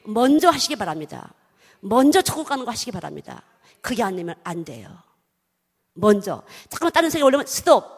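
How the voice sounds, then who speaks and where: A middle-aged woman preaching a sermon emphatically, swinging between loud exclamations and hushed whispers. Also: a little high. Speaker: children's missionary preaching. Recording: long hall reverb.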